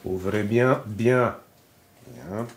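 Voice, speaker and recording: Slow-talking, opinionated dentist with a Bulgarian accent; chatty, needling patter. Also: male voice, lowish voice. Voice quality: chatty, needling, chuckling asides. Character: boastful opinionated middle-aged male dentist. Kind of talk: film acting.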